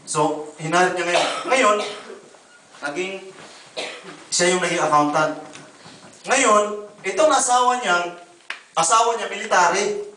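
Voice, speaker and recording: A man preaching a sermon as pastor, telling testimonies in an animated way and calling listeners brother and sister. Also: sits high, measured pace, long pauses, slight background noise. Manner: animated, voices quoted people, addresses congregation as brother and sister. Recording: echoey room, voice from a distance.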